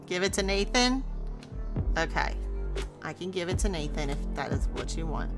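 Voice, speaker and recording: A woman's voice: on the low side, lively intonation, normal speed. A woman hosting a live stream in a chatty, teasing way, laughing often as she talks to her viewers. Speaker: live-stream host running a card pack battle. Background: faint background music.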